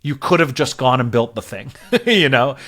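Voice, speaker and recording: Speaking at medium pitch and a moderate pace, this man sounds very animated and fairly bright. He's an interview guest who leads product and growth, explaining work ideas casually and often tossing in "right?".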